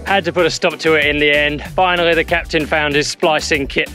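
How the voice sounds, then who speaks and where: A man narrating a sailing vlog as the boat's captain, easygoing and explanatory, with relaxed fillers. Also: on the high side, brisk, soft background music. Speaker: boat captain.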